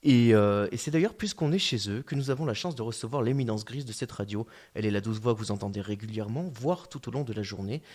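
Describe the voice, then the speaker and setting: A man's voice: fairly low pitch, quick pace, hardly any pauses, darkish tone. A man hosting a casual podcast chat in a radio studio, joking, laughing often and trailing off with fillers. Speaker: podcast host.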